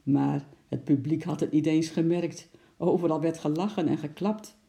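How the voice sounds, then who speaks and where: Gravelly, dark-voiced man reading a storybook. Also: fairly high pitch, normal speed. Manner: steady, expressive reading. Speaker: narrator.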